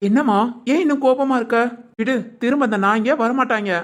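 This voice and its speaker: A performer voicing a protective young male hero with a southern Tamil Nadu accent in an animated family drama, scolding firmly. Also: mid-range voice, a little fast, lightly acted. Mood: reassuring. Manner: firm, scolding, then gentle and reassuring.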